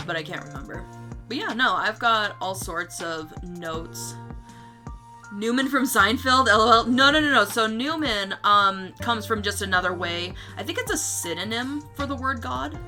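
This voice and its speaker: Over music, a woman with a medium-pitched, animated voice talks at a moderate pace as a livestream host. She chats casually about her own story notes, giggling, rambling, and swearing now and then.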